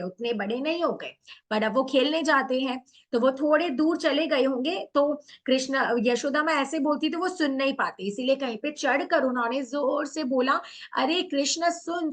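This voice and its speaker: A woman teacher with a fairly high voice walks her online class through a poem, one line at a time. She tosses in English terms and keeps asking questions, then answers them herself. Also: fairly bright tone. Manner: mixes English words into Hindi. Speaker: Hindi teacher.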